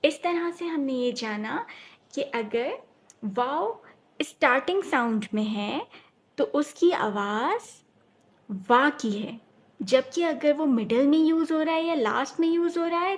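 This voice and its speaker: Woman teacher, high voice, goes slow and repeats words for little kids. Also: lively intonation. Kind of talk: children's phonics lesson.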